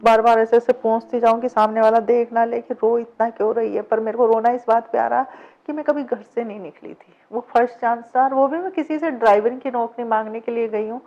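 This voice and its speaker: Speaking a little fast with a steady tone and a slightly high voice, a middle-aged cab driver recounts her life in an interview. She brings the past to life by performing the dialogue she remembers, over dull lo-fi audio with faint background music.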